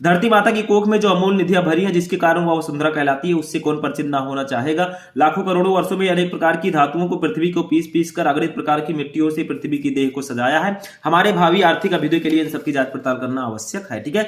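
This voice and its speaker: Male teacher, echoey room. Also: on the high side. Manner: explains step by step, reads passages slowly aloud. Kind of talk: exam-prep lesson.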